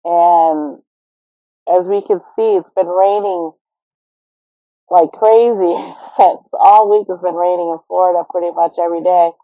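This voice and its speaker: A woman's voice: fairly low pitch, fairly even intonation, a little slow, dry recording. Woman from thailand rambling about the stars, close dry mic, kinda muffled. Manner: rambling, repeats words, fillers, chuckles. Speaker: astrology podcast host. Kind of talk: casual astrology talk.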